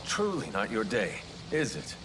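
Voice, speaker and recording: A man's voice: fairly low pitch, wildly swooping pitch, measured pace. An actor playing a proud, scornful warrior in a video game, haughty and formal in his taunts. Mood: haughty, taunting. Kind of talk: video game combat lines. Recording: loud gunfire and battle noise behind.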